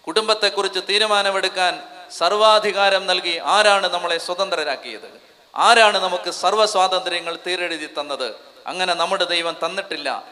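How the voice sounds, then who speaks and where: High bright-voiced priest preaching hard, gets the crowd to shout stuff back, lots of echo from a big hall. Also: male voice. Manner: fervent, urges the crowd to repeat phrases aloud. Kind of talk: convention sermon. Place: large convention hall. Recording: long reverb of a large hall.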